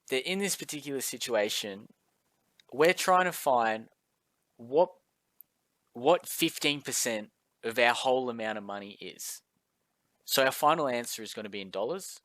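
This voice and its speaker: A man teaches a recorded maths lesson, talking casually and filling pauses with ums and uhs. His voice sits at an ordinary pitch, and the recording is dry and close with no room sound. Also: fairly bright tone, no echo. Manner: casual, friendly, chatty with filler words.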